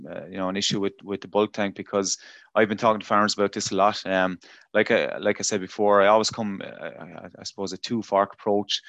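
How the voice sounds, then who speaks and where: An Irish man with a low voice conducts a conversational interview. He takes a slightly tentative, roundabout path to each question. The sound is dry, with very little room to it. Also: a bit bright, no room sound. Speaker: interviewer, farm environmental adviser.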